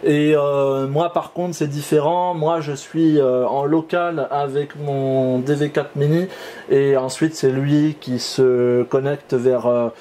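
Speaking slowly from an indoor home radio shack, a Frenchman demonstrates ham radio in a casual two-way exchange, explaining with some hesitation. His pitch is fairly high and his tone dark, with fairly even intonation.

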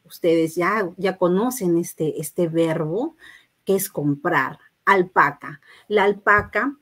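A middle-aged woman with a Peruvian Spanish accent, teaching an English class patiently and reading English phrases slowly for learners to repeat. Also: on the low side, a bit bright, slightly rough. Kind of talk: online class lecture.

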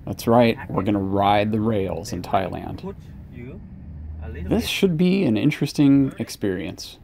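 A travel vlogger in his thirties narrates with wry, joking asides as he walks through busy city streets and a large train station, filmed on a handheld camera at arm's length. His lowish, darkish voice is expressive and a little slow, with vocal fry, and street and station noise sits behind him.

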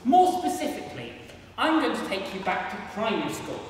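This maths performer at a variety show is a young man with a high voice who talks fairly quickly, joking at his own expense while he works through a hands-on demonstration and chats with the audience. He uses a handheld mic but now and then puts it down, and the distant pickup in the large, reverberant hall adds a slight hiss or hum.

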